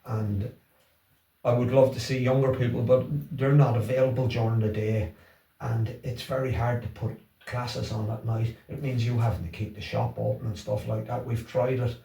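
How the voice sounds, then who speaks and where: Older irish guy w wexford accent, gravelly, kinda rambling chat, sitting back from the mic in an echoey room. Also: mid-range voice, steady tone, moderate pace, dark tone. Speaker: interview guest, Irish language class organiser. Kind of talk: casual conversational interview. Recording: roomy echo, distant from the mic.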